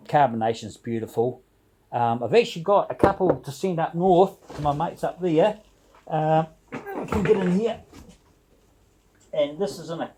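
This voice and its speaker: A man with a mellow, medium-pitched voice chats casually to camera as a video blogger. His talk is rambling, jovial, informal and full of slang.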